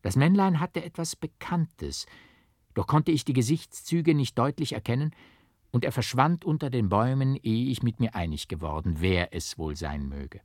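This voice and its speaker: A man reading a classic novel aloud, in measured, rhythmic, carefully stressed scripted narration. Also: mid-range voice, animated, a little mellow, dry recording, clean studio sound. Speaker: audiobook reader.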